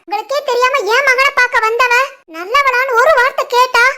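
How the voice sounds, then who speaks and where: A woman voicing a furious middle-aged village mother-in-law in an animated family drama, with a Tirunelveli Tamil accent and a shrill, scolding delivery. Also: brisk.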